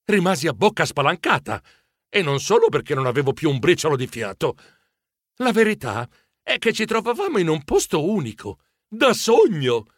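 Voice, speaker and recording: Male storybook narrator, first-person, animated, slightly high voice, lively pitch. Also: brisk, no room sound, clean studio sound. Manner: animated, expressive reading. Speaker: audiobook narrator.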